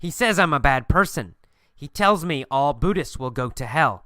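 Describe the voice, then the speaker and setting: A man teaching English by telling a first-person story, slowly repeating phrases for learners. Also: on the high side, animated, bright, forceful tone, no room sound, clean studio sound. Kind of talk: storytelling lesson.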